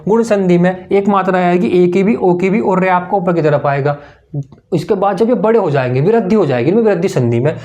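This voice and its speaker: A man's voice: sits high, dark tone. A male teacher explaining Hindi grammar for an exam-prep class, repeating each point and calling the students "brother". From India.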